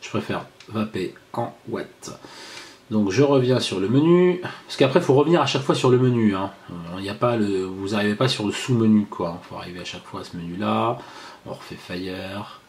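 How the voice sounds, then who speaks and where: A man giving a casual hands-on product review, chatty and halting with frequent fillers and restarts. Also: on the low side, a little mellow.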